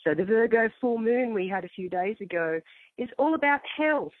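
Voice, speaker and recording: A woman with a croaky voice, hoarse from a flu, hosting an astrology talk and chatting informally to her listeners. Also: on the high side, animated, moderate pace, no room sound. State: getting over flu. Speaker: host and astrologer. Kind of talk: astrology show monologue, casual address to listeners. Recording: thin, phone-like line.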